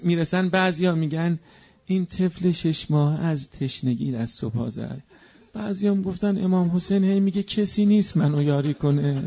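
A man preaching a mourning sermon, moving between quiet narration and chanted, wailing cries. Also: on the high side.

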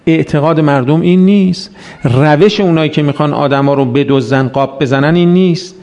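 A man delivering a religious sermon with a gravelly, slightly high voice. He exhorts his audience, asks them pointed rhetorical questions, and slips into slow recited Arabic verses. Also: darkish tone. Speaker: preacher.

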